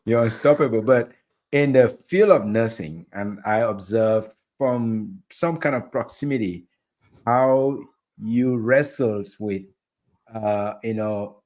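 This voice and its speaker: A man's voice: fairly low pitch, a little slow, a little mellow. A man hosts an interview conversation, encouraging his guest and affirming her answers. He tends to repeat his phrases for emphasis as he asks his questions. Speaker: interview host.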